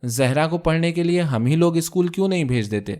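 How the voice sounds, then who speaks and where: An earnest young schoolboy from a storybook, voiced by a male reader. The voice is lifted well above the reader's own and stays soft and pleading, the way a boy asks a parent for a favour. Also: fairly high pitch, expressive, voice pushed up, close to an everyday voice.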